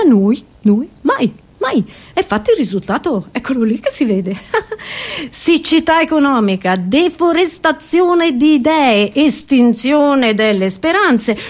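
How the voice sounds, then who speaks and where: An Italian woman with a voice on the high side performs a theatrical, satirical comedy monologue. She is expressive and ironic, tossing rhetorical asides to the audience.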